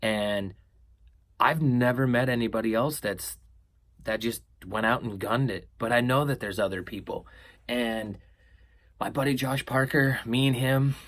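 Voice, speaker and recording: A man's voice: mid-range voice, measured pace, a bit bright. A man in his thirties candidly telling a personal story in a vlog, swearing freely and talking animatedly. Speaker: vlogger. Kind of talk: casual storytelling.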